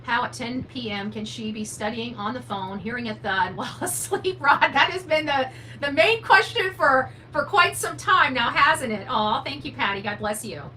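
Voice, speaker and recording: Answering viewer comments on her true crime livestream, the host speaks off the cuff, bluntly and emphatically, airing opinions and posing rhetorical questions. Her slightly high voice is bright and forceful with lively intonation, a moderate pace and hardly any pauses. Noticeable hum and background noise run underneath.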